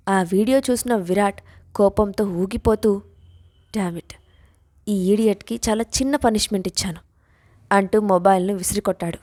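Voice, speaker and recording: A woman storyteller reading a suspense audio story with steady, expressive narration. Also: mid-range voice, dry recording, studio quality.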